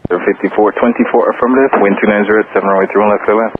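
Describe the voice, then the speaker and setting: A man's voice: fairly low pitch, fairly even intonation, rapid-fire. A man working as a tower controller, giving clipped, procedural instructions over aviation radio. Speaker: airport tower air traffic controller. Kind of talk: rapid clipped radio phraseology, issuing instructions. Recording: narrow, staticky air traffic radio transmission.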